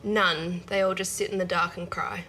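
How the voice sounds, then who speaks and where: A woman's voice: on the low side, fairly even intonation, normal speed, pushed and bright. A woman telling dad jokes, giving a setup and then the punchline. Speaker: contestant in a dad joke contest. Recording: music playing behind the voice.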